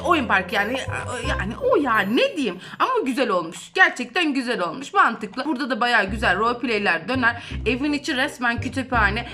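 A woman's voice: on the high side, pushed and bright. A woman hosting a gaming video, chatting casually and giggling as she tours a house. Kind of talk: casual gameplay tour commentary. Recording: background music under voice.

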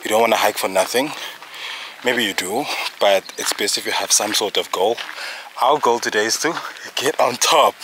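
A South African man in his thirties vlogs casually to a handheld camera held close to his face while on an outdoor mountain trail, slightly out of breath. He's chatty and jokey, teasing himself in asides, and his voice is on the low side, pushed and bright at a moderate pace. The rough recording carries slight background noise.

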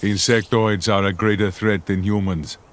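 Game casting: a man voicing a smooth, too-even android killer with a lowish voice, flat and clipped, heard over noisy game audio. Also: moderate pace, lightly acted. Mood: cold. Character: emotionless male cyborg killing machine. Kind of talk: video game dialogue.

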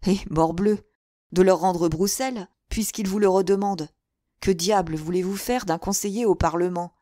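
A woman's voice: fairly low pitch, moderate pace, dark tone, dry recording, clean studio sound, close to an everyday voice. Woman doing a brash, fearless musketeer. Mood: urgent. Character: bold, cool-headed male musketeer officer.

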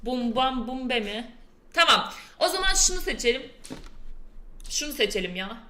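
A young woman on a live stream talks playfully to her viewers and reads quiz questions aloud. Her voice is bright and a little high. The sound carries the echo of a roomy space. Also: sing-song, moderate pace. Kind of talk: casual live-stream chat. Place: indoor room with a door that keeps slamming.

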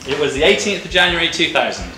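A man's voice: on the high side, big pitch swings, fast talker, pushed and bright, a little hiss or hum. A man hosting a food challenge quiz casually, with jokey teasing banter. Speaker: host of a hot wings quiz challenge. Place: office meeting room, indoors. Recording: echoey room, background music. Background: music.

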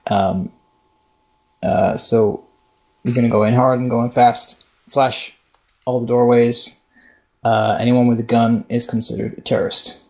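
A man with a mid-pitched voice briefs his squad in a military game. He is informal and halting, setting out instructions as the mission leader. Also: flat delivery, creaky.

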